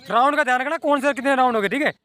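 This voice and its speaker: Talking very fast in an extremely high voice, a running coach calls out lap times on an outdoor track. His encouraging shouts repeat as he pushes the runners to keep at it.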